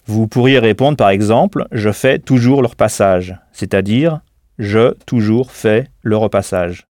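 A man teaching an English lesson in a scripted audio course, speaking in a measured way and spelling words out letter by letter. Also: lowish voice, darkish tone, no room sound, clean studio sound.

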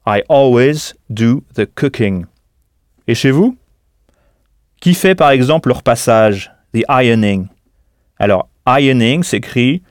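A man giving a scripted audio lesson, speaking at a mid pitch with a calm, measured delivery. He pauses to spell words out letter by letter, and his voice sounds dry and close, with no room echo. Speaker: English teacher.

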